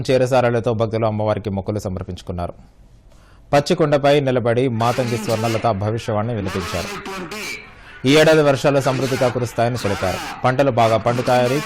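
Male news narrator, brisk scripted delivery, medium pitch, faint ambient noise underneath. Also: darkish tone.

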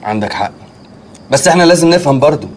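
An actor playing a bossy, excitable stranded man who nags his friends, in an Egyptian accent. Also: fairly high pitch, very fast, a little hiss or hum, natural voice. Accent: Egyptian Arabic. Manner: bossy, excitable comic scolding. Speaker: castaway leading a group. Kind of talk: TV sitcom acting. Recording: music score underneath.

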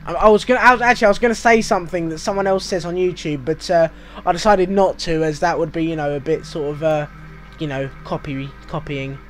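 A man's voice: on the high side, steady tone, quick pace, a bit bright, faint music behind. A British man hosting a video game walkthrough, chatting casually in a rambling, self-mocking way. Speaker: gaming walkthrough host.

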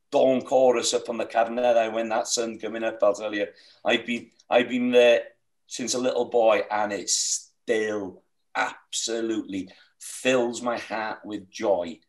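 A man's mid-range voice comes through a low-quality recording from a webcam far away on a video call. He's a middle-aged sheep farmer guest from Wales whose first language is Welsh, speaking about his hill farm in an earnest, heartfelt, rambling way full of restarts.

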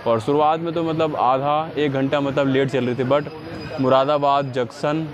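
A man's voice: mid-range voice, fairly even intonation, unhurried, crowd noise. A young man in his twenties chatting casually as a travel vlogger, filming himself at the open door of a moving train and often addressing viewers as brother. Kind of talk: casual travel vlog narration. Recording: loud rattling train noise. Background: loud train and track noise.

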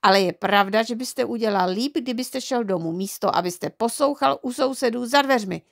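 A woman voicing an indignant mother who scolds her husband in a shrill, emphatic voice for an audiobook. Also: gravelly, no room sound, studio quality. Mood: angry, scolding. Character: stern, indignant mother of a small boy. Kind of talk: audiobook character reading.

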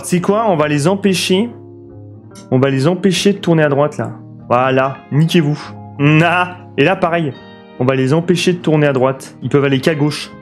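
A young French man streams a city-building game, chattering excitedly, cursing at traffic and answering his viewers. His voice sits a little high. Soft guitar music plays faintly underneath. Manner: excitable, swears a lot, talks to chat. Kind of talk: live city-builder gameplay commentary.

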